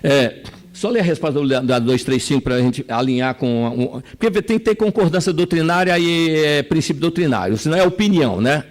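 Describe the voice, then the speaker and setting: A Brazilian man leads a religious study lesson in a fairly high voice. He retells scripture with animated energy and turns often to his listeners. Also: fairly quick. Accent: Brazilian Portuguese. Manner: animated, acts out characters, addresses the audience directly. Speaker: speaker at a spiritist study group.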